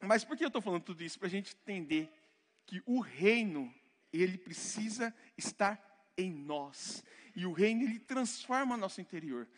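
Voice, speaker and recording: The long reverb of a church hall surrounds this Brazilian preacher, whose Brazilian Portuguese accent colors a conversational sermon. He often checks in with the congregation, his high voice animated and moderately paced.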